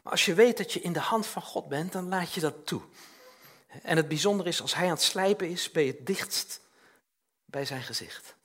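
A man's voice: a little high, animated, moderate pace, fairly bright tone, breathy edge. An older man preaching a chatty, informal sermon, often tagging questions onto his sentences and acting out little scenes.

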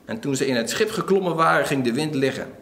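A man preaching a sermon, retelling a story lively with acted-out quotes and frequent fillers. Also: medium pitch, fast talker, roomy sound. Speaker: pastor.

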